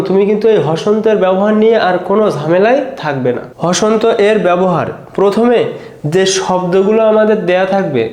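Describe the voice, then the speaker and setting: A man's voice: high-pitched, a little mellow, echoey room. A man teaching an exam-prep grammar lesson. He explains patiently, step by step, and keeps telling students to look.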